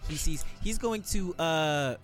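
A man's voice: on the high side, takes it slowly, soft background music. A young man running a tabletop role-playing game as game master, playful and laughing often.

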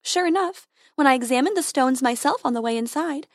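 A woman voicing a cheerful female tooth fairy dentist who talks in a brisk, chirpy way. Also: sits high, lively intonation, no room sound, clean studio sound, voice pushed up.

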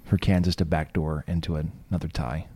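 Low-voiced guy on a sports podcast, mellow and relaxed, dry close mic, a bit strained from yelling. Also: fairly quick, slightly rough, dry recording. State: slightly strained voice after shouting at a game. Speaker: podcast co-host. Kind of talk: casual sports chat.

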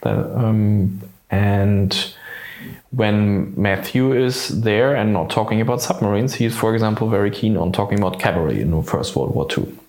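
A man co-hosting a podcast in a chatty, relaxed way, speaking English as a second language, recorded in an echoey studio that is still under construction. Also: fairly low pitch, moderate pace. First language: not English. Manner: relaxed, chatty, loose phrasing with self-corrections. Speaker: podcast co-host. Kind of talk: casual podcast intro. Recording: echoey, roomy studio sound.

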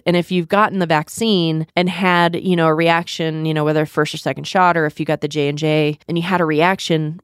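Stuffy sounding woman podcaster, lowish voice, dry close sound, earnest and chatty. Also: dry recording. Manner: earnest, encouraging, conversational. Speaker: podcast host. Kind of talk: solo podcast talk.

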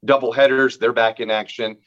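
A man's voice: medium pitch, brisk. Male racing co-host, slightly muffled sound. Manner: steady, informative, some fillers. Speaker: podcast co-host. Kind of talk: racing news recap.

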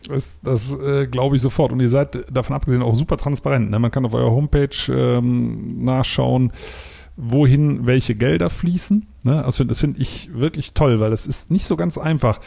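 A man's voice: mid-range voice, steady tone, normal speed, creaky, mellow. A man interviewing his guest in a chatty way, often ending phrases with tag questions. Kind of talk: casual interview talk.

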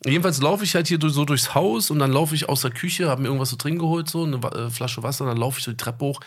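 A man's voice: medium pitch, quick pace. A man in his thirties, co-hosting a podcast in casual chat, telling a story at length in a laid-back, slangy way and acting out phone calls. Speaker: podcast co-host.

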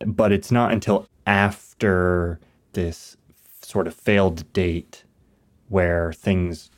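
A man's voice: low-pitched, fairly even intonation, takes it slowly. A man co-hosting a film podcast, thinking aloud in a reflective, casual way and restarting his sentences as he goes. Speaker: podcast co-host.

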